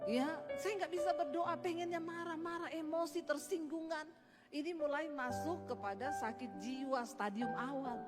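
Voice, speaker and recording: A woman's voice: steady tone, moderate pace, loud music behind the voice. A woman preacher giving a sermon, telling her own story and talking straight to the congregation, stretching out the key phrases. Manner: testimonial storytelling, addresses the congregation directly; shifts in pitch and pace, drawing out key phrases.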